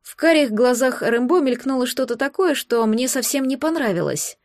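A woman narrates a first-person audiobook in an expressive, emotional way. Her voice sits somewhat high. The recording is dry and close, with no room sound. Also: normal speed, no room sound.

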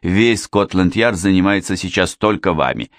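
A man's voice: low-pitched, lively intonation, moderate pace, no room sound. A man voicing a weary police inspector who answers with dry irony. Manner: dry, ironic.

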